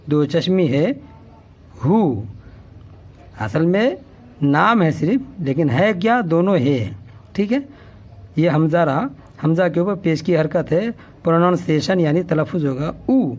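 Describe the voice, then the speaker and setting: A man's voice: on the high side, darkish tone, highs cut off. A man teaching the Urdu alphabet step by step, patiently repeating each vowel sound and often checking in with the learner. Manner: patient, repetitive, checks with "okay?".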